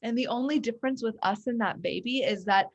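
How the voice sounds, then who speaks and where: Woman chatting on a podcast, fairly high voice, acts out her stories. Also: fairly quick, muffled recording. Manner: animated storyteller who acts out voices. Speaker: podcast guest. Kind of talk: casual conversation.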